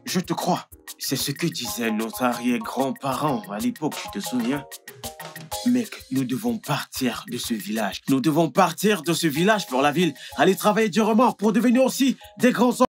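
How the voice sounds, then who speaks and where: A man's voice: fairly high pitch, moderate pace, natural voice. A man dubbing, in French, the role of an idle young villager who gossips and chases women. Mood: excited. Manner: excitable and gossipy. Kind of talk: French film dub. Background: background music.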